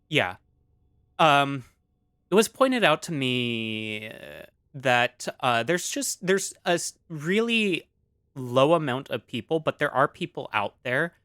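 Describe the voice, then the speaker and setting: A man's voice: medium pitch, a bit bright, clean tone, no room sound, studio quality. A man streaming casually, rambling with many fillers as he reads chat aloud, still coughing after an illness.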